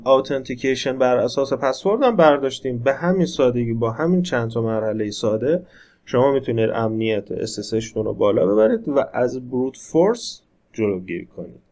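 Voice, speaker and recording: Male instructor, middle pitch, relaxed conversational delivery, narrating each step of a screen-recorded tech lesson. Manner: conversational, explains step by step while operating the computer.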